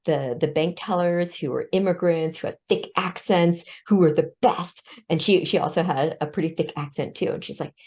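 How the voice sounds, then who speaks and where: In a conversational interview, a guest expert on respect speaks at a moderate pace with few pauses, her lowish voice darkish in tone. She was born in Vietnam and raised in the US, and she explains her ideas using studies and personal stories, with light laughter between points.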